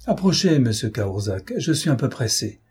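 A man's voice: mid-range voice, big pitch swings, normal speed, a little mellow, slightly rough. A man voicing a brusque, self-important older male philosopher who talks in an impatient, lecturing way.

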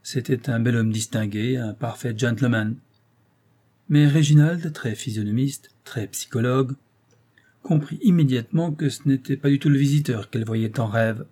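A man narrating an audiobook in a steady storytelling reading. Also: mid-range voice, moderate pace. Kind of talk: scripted narration.

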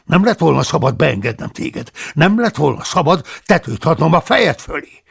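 A man voicing an indignant older male abbot who scolds loudly, with a gravelly, husky voice in an audiobook reading. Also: fairly high pitch, big pitch swings, pitched above the performer's own voice, heavily acted. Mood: angry scolding. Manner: scolding, loud and accusing.

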